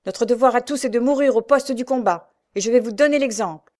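A woman reading aloud as a stern, brave male ship captain, declaiming his orders loudly. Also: a little high, fairly quick, pitched above the performer's own voice, close to an everyday voice. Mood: commanding.

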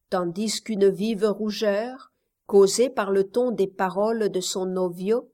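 A woman reading a novel aloud as scripted storybook narration, in a measured way. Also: medium pitch, darkish tone. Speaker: audiobook reader.

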